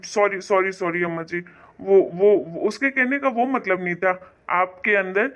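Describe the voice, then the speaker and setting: A woman's voice: mid-range voice, a little slow, fairly bright tone, dull audio, natural voice. A woman voicing a patient young husband in a cartoon story, soothing and apologetic.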